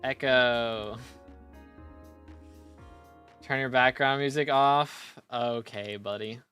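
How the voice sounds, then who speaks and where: A man hosts a casual gaming livestream, chatting and joking with his viewers in a loose, rambling way. His voice is smooth and clear, set at an ordinary middle pitch. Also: fairly even intonation, very slow, sharp tone, soft background music. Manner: playful, rambling, jokes with chat. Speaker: gaming streamer.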